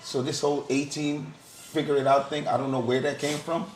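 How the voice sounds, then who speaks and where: A man's voice: fairly high pitch, little pitch movement, a little fast, slight background noise. A middle-aged man from Guyana sharing his story in a candid group discussion, stressing points by repeating words. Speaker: panel speaker. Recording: roomy sound with crowd murmur. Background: crowd murmur.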